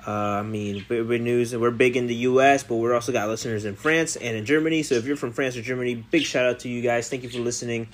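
A man's voice: mid-range voice, steady tone, fast, hardly any pauses. A man hosting a podcast, giving a casual, informal announcement to listeners. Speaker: podcast host.

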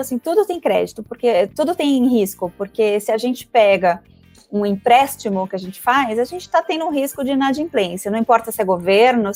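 A woman speaking as a financial advisor guest in a casual interview, talking quickly and chattily with many fillers. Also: on the high side, a little mellow, dry recording. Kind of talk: casual interview explaining investments.

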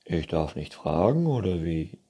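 Mann spricht lustlosen hund, schnodderig, bisschen heiser. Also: male voice, deep voice, very animated, a little slow, dark tone, husky, full character voice. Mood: dismissive. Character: sulky indifferent dog, shrugs everything off. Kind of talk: children's book reading.

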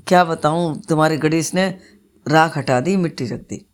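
Quick-tempered merchant's wife in a folk tale, always grumbling, put on by a woman narrator, low voice. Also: lightly acted. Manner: complaining, grumbling.

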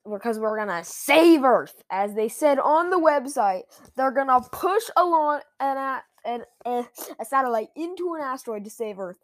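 A woman's voice: high-pitched, lively intonation, moderate pace. A woman vlogger in a casual comedic rant, rambling with lots of "like" and restarts. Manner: rambling, heavy use of "like" and restarts.

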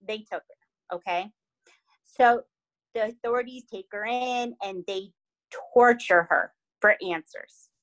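A young adult woman hosts a casual storytelling chat, animated and dramatic in her delivery. She leans on fillers like "like" and keeps asking "right?" to pull her listener along. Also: a little high, takes it slowly, rough recording. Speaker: podcast host telling a true crime story.

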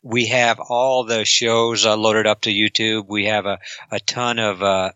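A man co-hosting a casual podcast, halting speech full of fillers. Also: on the low side, little pitch movement, sharp tone, clear, resonant tone, no echo, lo-fi sound. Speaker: podcast co-host.

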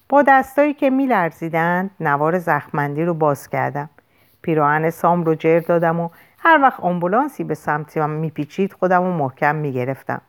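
A woman reading a first-person audiobook with an expressive, dramatic delivery. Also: fairly low pitch. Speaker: audiobook narrator.

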